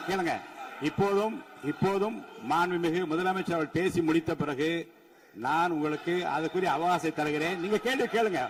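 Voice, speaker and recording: A man with a Tamil Nadu accent chairing the state assembly, formal and firm, repeatedly ordering members to sit down and keep order. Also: high-pitched. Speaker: speaker of the assembly chairing the session.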